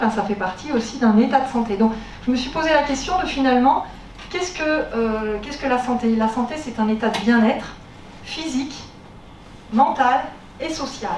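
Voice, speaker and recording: A woman's voice: on the high side, a little mellow. A woman giving a public lecture through a face mask, explaining step by step with hesitant rephrasing and frequent check-ins with her listeners. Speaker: lecturer on health, pain and diet. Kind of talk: spoken public lecture to an audience. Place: university lecture room. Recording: echoey room, distant mic, background noise.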